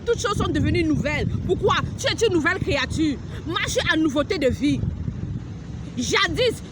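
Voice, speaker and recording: A woman's voice: very high voice, background noise. A woman preacher delivering a fervent, scolding prophetic message outdoors at a beach, repeating her phrases and firing rhetorical questions. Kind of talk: impassioned outdoor preaching to camera.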